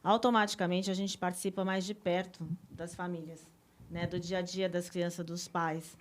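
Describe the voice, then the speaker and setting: Flat-voiced woman, off-mic. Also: fairly low pitch, normal speed, slight background noise. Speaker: school owner, podcast guest. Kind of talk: casual interview chat.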